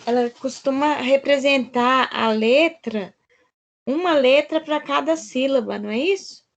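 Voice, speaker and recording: A woman's voice: high-pitched, unhurried, gravelly, highs cut off. A woman student answering in class, tentative and hesitant.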